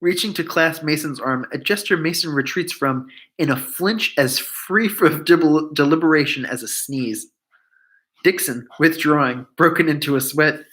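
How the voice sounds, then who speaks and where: A man's voice: on the high side, normal speed, a bit bright. A man reading a novel aloud, voicing the characters in the dialogue. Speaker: reader.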